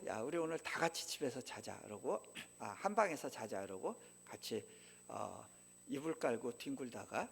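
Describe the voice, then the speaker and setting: A man's voice: mid-range voice, gravelly, slightly rough. A middle-aged man, a missionary, telling a personal story in a sermon and asking the congregation questions. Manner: lively, asks the audience questions. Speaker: missionary speaker. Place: church sanctuary. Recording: long reverb of a church hall.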